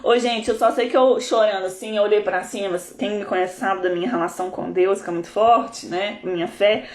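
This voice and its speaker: A Brazilian woman, a coach, telling a story in a live session in a lively, expressive way. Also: mid-range voice, brisk. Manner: animated, expressive, laughs often. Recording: roomy echo.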